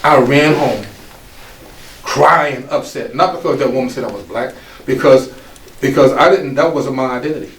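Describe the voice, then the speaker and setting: Animated man in his fifties telling his story. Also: medium pitch, moderate pace. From United States. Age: 50s. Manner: animated storytelling, with laughs and acted-out quotes. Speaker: guest speaker, former pro football player. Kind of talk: personal life story told to an audience. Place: office room. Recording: echoey room, distant mic, faint ambience.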